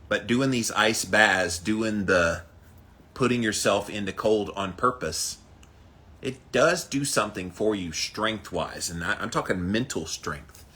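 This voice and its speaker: On the low side, this man's voice comes across bright and forceful as he runs a daily ice bath challenge livestream. He greets viewers by name in casual chat, his delivery emphatic and punchy.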